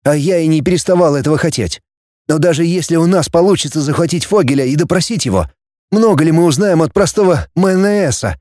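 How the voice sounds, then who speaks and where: A man's voice: fairly high pitch, animated, a little fast, a little mellow, no echo, studio quality, pitched above the performer's own voice, natural voice. A man reading a determined young hero. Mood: earnest.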